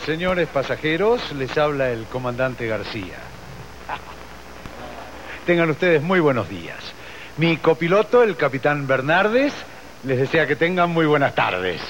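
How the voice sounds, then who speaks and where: A man's voice: on the high side, unhurried, a little hiss or hum, rough recording. An actor playing a bumbling male airline captain on his first flight, announcing to passengers over the PA system in a stiff, formal announcer manner. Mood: deadpan. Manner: formal, stiff announcer delivery with deadpan absurd remarks. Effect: announcing over the plane's PA system.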